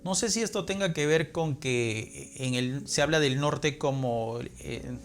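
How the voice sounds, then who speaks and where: A man's voice: medium pitch, a little slow. Man, Peruvian Lima accent, professor, didactic, rhetorical questions, faint background music. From Peru. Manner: didactic, asks and answers his own questions. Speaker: literature professor, interview guest. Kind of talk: explanatory interview talk.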